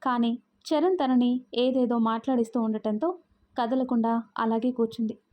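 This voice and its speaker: A woman storyteller giving a steady, expressive scripted narration of a love story. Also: on the high side, normal speed. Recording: muffled lo-fi audio.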